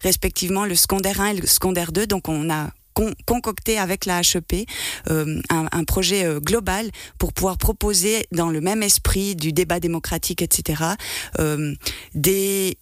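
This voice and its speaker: A woman's voice: lowish voice, moderate pace, no room sound, studio quality. A woman, a filmmaker guest in a radio interview, speaking hesitantly with many fillers and restarts.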